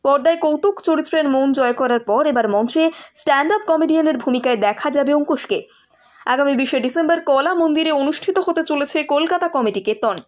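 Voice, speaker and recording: A woman narrates entertainment news in a high-pitched voice. She reads from a script, as a reporter presenting a showbiz story.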